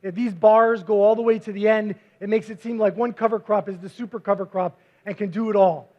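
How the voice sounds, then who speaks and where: Man, high voice, presenting researcher, quick talker, muffled lo-fi recording. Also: steady tone. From United States. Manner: self-described fast talker, frequent fillers. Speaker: visiting cover crop researcher. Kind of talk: conference presentation with slides. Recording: dull lo-fi recording.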